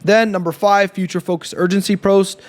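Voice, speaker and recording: A man in his thirties from Canada giving an emphatic, persuasive coaching talk to camera. He keeps checking in with a quick "right?". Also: high voice, level tone. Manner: emphatic and persuasive, often adds a questioning "right?". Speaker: YouTube business coach.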